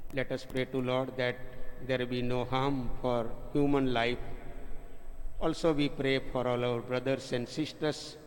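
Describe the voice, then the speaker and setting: Male priest leading Mass prayers at a pulpit microphone, long church reverb, some background noise. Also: mid-range voice. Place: large church, indoors.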